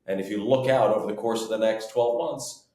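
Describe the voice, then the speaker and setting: A man hosts an interview in a conversational way. His pitch is on the low side. The sound is roomy, with noticeable echo around the voice. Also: fairly even intonation, fairly quick, warm tone. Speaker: interviewer, host.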